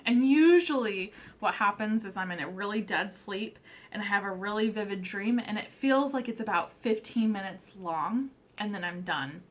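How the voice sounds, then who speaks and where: A woman's voice: mid-range voice, expressive, normal speed. A young woman chatting casually to camera on her own show, rambling with many likes and ums and laughing often, in an upbeat Valley girl manner. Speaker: tarot channel host.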